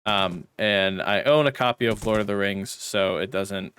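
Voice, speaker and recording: A man's voice: lowish voice, moderate pace, a bit bright, clean tone. A young American man in his mid-twenties, casually explaining and rambling while gaming. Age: 20s. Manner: laid-back, explanatory, rambling. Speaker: gaming channel co-host. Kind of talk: casual gameplay chat.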